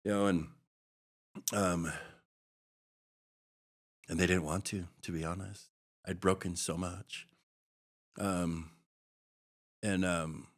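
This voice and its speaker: With a low-pitched voice, a middle-aged man from Hawaii recounts a personal story as a guest on a podcast. His telling is thoughtful and hesitant, full of false starts.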